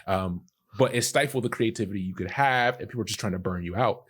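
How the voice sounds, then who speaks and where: A man's voice: on the low side, fast, a bit bright, slightly rough. A man co-hosting a casual gaming podcast, talking in long, laid-back run-on thoughts. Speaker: podcast co-host.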